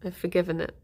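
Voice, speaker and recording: Live on stream, a woman chats casually with her viewers, reading their messages and answering in a rambling, giggly way. Her voice sits lowish with a fairly bright tone, and she laughs often.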